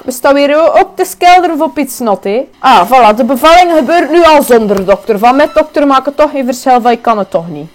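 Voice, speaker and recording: A young woman with a Flemish accent giving chatty, excitable commentary while playing a life-sim game, exclaiming and swearing often. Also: on the high side. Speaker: gaming YouTuber. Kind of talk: casual let's-play commentary.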